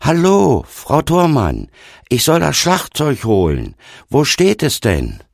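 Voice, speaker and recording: A man voicing a burly, hot-tempered young man who shouts loudly. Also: fairly high pitch, huge pitch swings, takes it slowly, vocal fry, dry recording, clean studio sound, pitched above the performer's own voice, exaggerated voice. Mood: demanding.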